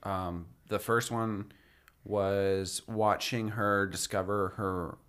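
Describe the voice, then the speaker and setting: A man's voice: lowish voice, fairly even intonation, takes it slowly, fairly bright tone, smooth. A man co-hosting a podcast in a casual, upbeat and playful way, steering the conversation. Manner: upbeat, playful, leads the segments. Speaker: podcast co-host. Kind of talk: casual chat.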